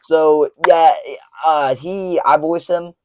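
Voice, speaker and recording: On a small clip-on mic recorded to a phone, a young video creator chats casually about the stuffed toys he made, rambling with lots of fillers and restarts. His voice is fairly high and a little mellow, slow and fairly even, with a slight hiss or hum.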